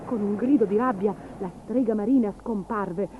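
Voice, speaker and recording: A woman reading a fairy tale aloud in an expressive, measured storytelling voice. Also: mid-range voice. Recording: tinny phone-like sound, faint hiss.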